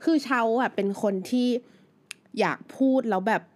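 A woman's voice: medium pitch, normal speed. A woman in her thirties, a native Thai speaker, hosting her own podcast in a loose, chatty solo monologue full of fillers. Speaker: podcast host. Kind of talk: casual solo podcast chat.

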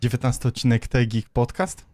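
A man's voice: mid-range voice, little pitch movement, brisk, darkish tone, dry recording. A man hosting a podcast, talking casually about tech in a conversational way. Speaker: podcast host.

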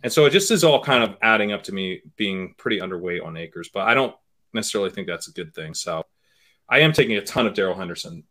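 A man who is a guest on a podcast, analyzing fantasy football picks in a hedging, casual way and often trailing off quietly. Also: deep voice, animated, fast. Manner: hedging, many fillers and restarts, trails off quietly.

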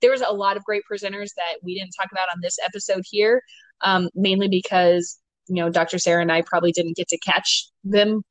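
A woman's voice: medium pitch, fairly even intonation, brisk, no echo. A woman hosting a podcast, chatting casually, with a talkative manner, frequent laughs and many "you know" fillers. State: ten months postpartum. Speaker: podcast host and doctor.

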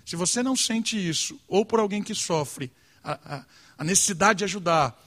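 A man's voice: high voice, normal speed, fairly bright tone. A man preaching a sermon earnestly, with rhetorical questions and swings of emphasis.

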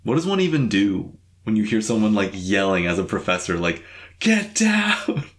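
A man's voice: lowish voice, big pitch swings, fairly quick. A man co-hosting a casual chat, joking a lot and laughing often, with many "like" fillers. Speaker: podcast co-host.

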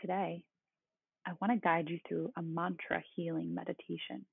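A meditation guide speaking in a calm, meditative tone with a husky, creaky voice. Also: medium pitch, normal speed. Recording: roomy, phone-like thin sound.

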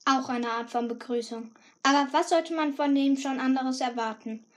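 A woman reading a first-person story aloud with a lively, cheeky teenage tone. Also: sits high, normal speed. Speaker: audiobook narrator. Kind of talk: scripted first-person narration.

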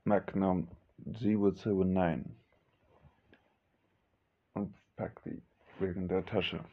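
A man narrating a homemade audio drama in a slow, plain storytelling manner. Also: low-pitched, level tone. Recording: dull lo-fi recording, faint music.

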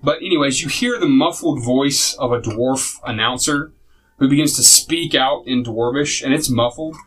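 Bright-voiced male game master. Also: mid-range voice, moderate pace, breathy edge, rough recording. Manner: casual, rambling narration with many fillers and laughs. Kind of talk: narrating a tabletop game.

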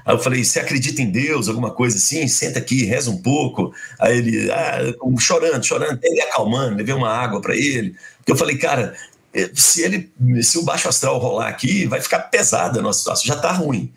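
Middle-aged guy telling a story, gravelly voice, mid pitch, acts out the voices. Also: quick pace. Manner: animated, acts out quoted dialogue. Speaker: guest. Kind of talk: personal storytelling in a conversation.

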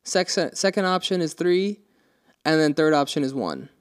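A man's voice: a little high, lively intonation, normal speed, clear, resonant tone. A young man co-hosting a podcast, talking in a casual, earnest and emotional way, with lots of restarts. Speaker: podcast co-host. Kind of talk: casual chat.

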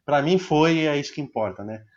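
A man's voice: fairly high pitch, animated, brisk, dull audio. A young adult man, a musician telling a personal story in a casual podcast chat, slangy and trailing off. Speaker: musician and music teacher, guest.

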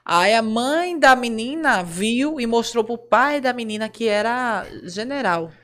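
A woman's voice: on the high side, expressive, measured pace, fairly bright tone. A young woman hosting a podcast in casual chat, frank and laughing often. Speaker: podcast host.

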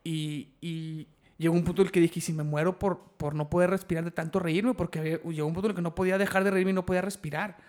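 High-voiced Mexican guy telling a story. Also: fast talker. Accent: Mexican Spanish. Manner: animated, slangy, laughs at his own stories. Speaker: podcast host. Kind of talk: casual storytelling chat.

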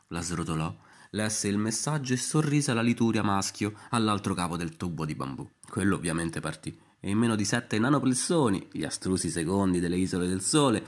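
A man narrating an irreverent storybook serial in a wry, deadpan manner. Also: sits low.

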